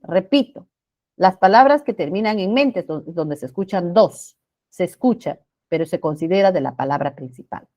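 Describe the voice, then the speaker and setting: A woman with a lowish, dark voice teaches a class in an animated way at a moderate pace. She patiently explains spelling rules, repeats her points, checks understanding with short questions, and draws out example words.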